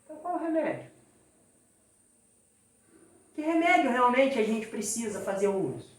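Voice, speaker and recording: A woman's voice: fairly high pitch, very animated, moderate pace, echoey room, far from the mic. A woman with a Brazilian accent giving a spiritist sermon, putting rhetorical questions to her audience. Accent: Brazilian Portuguese. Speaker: spiritist lecturer. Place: spiritist center hall.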